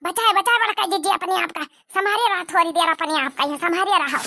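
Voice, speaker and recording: A woman's voice: brisk, bright, forceful tone, dry recording, clean studio sound, heavily acted. A woman voicing a dramatic, gossiping village aunt in a cartoon, wailing in an Awadhi accent. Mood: panicky. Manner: melodramatic, wailing, shrill. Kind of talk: cartoon dubbing.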